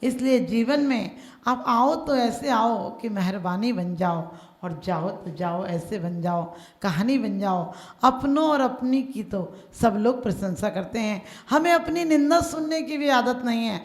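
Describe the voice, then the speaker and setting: Female preacher, higher-pitched, gravelly voice, storytelling sermon in a reverberant hall. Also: measured pace. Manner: storytelling, acting out characters' lines, occasionally chanting verses. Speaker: Jain nun preacher. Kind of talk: sermon with stories and verses. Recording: echoey hall.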